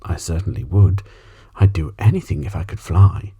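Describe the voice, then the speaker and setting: A man voicing an eager, kind little boy in a storybook, speaking softly and breathily with earnest wonder. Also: deep voice, animated, moderate pace, husky, full character voice. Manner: earnest, wistful. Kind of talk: ASMR storybook reading.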